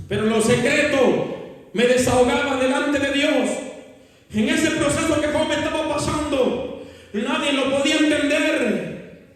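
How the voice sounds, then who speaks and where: A man from Guatemala preaching a fervent testimony sermon that rises to shouts, in a church hall. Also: very high voice. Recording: echoey hall reverb.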